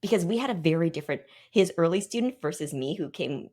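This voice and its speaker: A woman in her forties with a low voice leads a team workshop, thinking aloud and pausing between ideas. She checks in with the group with questions as she goes. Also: lively intonation, a little mellow. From Pacific Northwest, United States. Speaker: workshop guest speaker.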